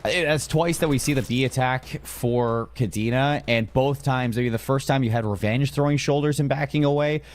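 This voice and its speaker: Male esports analyst-caster, medium pitch, live match commentary. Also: moderate pace, few pauses.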